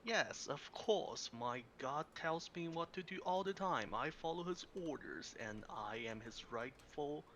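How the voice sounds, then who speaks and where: A man's voice: on the high side, lively intonation, measured pace, few pauses, fairly bright tone, a little hiss or hum. Man playing a formal, devout holy warrior. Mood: earnest, devout. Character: devout, formal mortal warrior serving his god. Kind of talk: tabletop role-play in character.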